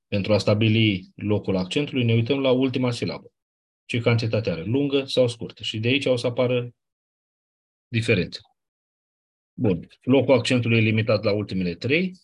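A man's voice: lowish voice, slightly rough. A male teacher explaining a lesson in an informal way, checking in with his students and repeating the key points.

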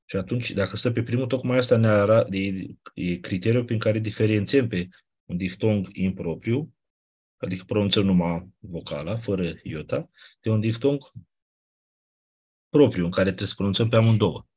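A man teaching a class, explaining step by step in a conversational way with quick asides. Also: on the low side, a little mellow, slightly rough. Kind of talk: classroom lecture.

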